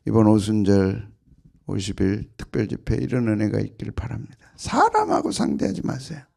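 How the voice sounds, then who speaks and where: Male senior pastor, sermon delivery, repeats lines for emphasis, lively pitch swings. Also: normal speed, creaky, slightly rough. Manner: emphatic and repetitive, with sudden loud bursts and soft drops. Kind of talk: early-morning prayer sermon.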